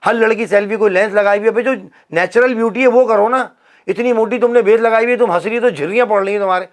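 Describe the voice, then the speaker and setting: A high-voiced man rants his opinions in a casual comedic chat. He keeps acting out the people he quotes as he goes. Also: fast. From Pakistan. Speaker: podcast host.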